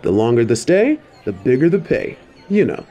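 In a fan audio drama, a man voices a friendly, easygoing wagon driver in ancient China, casual and chatty. His medium-pitched voice is warm and very animated, at a moderate pace. The recording is muffled, with soft background music.

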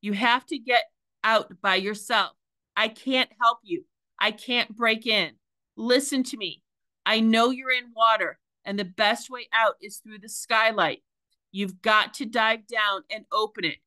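A woman reading aloud, voicing an older brother who shouts urgent instructions to his trapped sister. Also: a little high, a little slow, hardly any pauses, no room sound, pitched above the performer's own voice.

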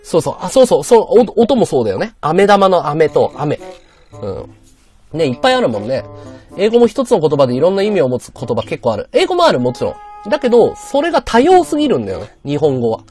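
A man's voice: fairly high pitch, wildly swooping pitch, fast, a little mellow, faint music behind. A man chatting on a live stream, lecturing in a rambling way and answering viewer comments. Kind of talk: casual livestream chat reading viewer comments.

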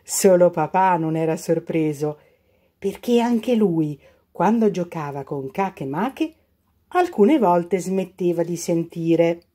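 A woman reading a children's fairy tale aloud as a storyteller, expressive and unhurried. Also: lowish voice.

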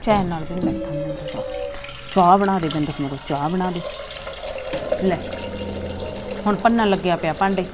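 A woman playing a high, scornful young wife. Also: brisk, heavy background noise. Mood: muttering. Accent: Punjabi, Malwa region. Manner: nagging, bitter complaints, scornful asides muttered to herself. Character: resentful young wife, sharp-tongued and scornful. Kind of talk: Punjabi short drama acting.

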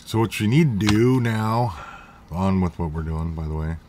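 A man's voice: deep voice, moderate pace, darkish tone, slight background noise. A man hosting a casual computer tutorial, rambling and correcting himself with jokey asides. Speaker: tech tutorial host. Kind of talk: casual screen-recorded tutorial.

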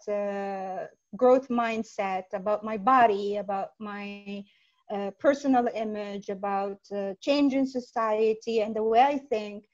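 A woman's voice: fairly high pitch, a little mellow. Woman on a muffled video call. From Saudi Arabia. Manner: earnest, many filler "uh"s. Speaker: podcast guest, life coach. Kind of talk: casual interview on a video call. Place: small home room. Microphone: earbud headset mic on a video call. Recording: dull lo-fi call audio.

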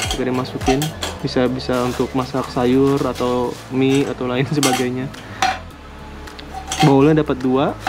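A man casually unboxing and reviewing camping gear at a table indoors, talking in a relaxed, hesitant way with small laughs. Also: mid-range voice. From Indonesia. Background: music.

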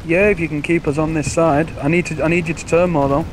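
A man's voice: fairly high pitch, steady tone, fast, slight background noise. A man giving dry, bossy callouts as a gunner in an online game. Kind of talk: casual gaming chatter.

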